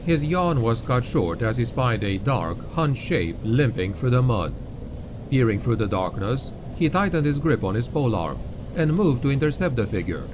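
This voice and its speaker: A man reading grimdark fantasy as an audiobook narrator, with grave, dark, dramatic storytelling. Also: medium pitch, big pitch swings, moderate pace, noisy background. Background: music.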